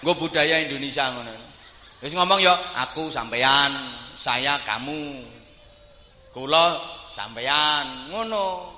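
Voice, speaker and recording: A male preacher with a high, piercingly bright voice delivers a humorous sermon, animated but slow, swinging between playful jokes and loud, fervent declamation. Long reverb rings across a large hall, with faint room ambience and slight background noise.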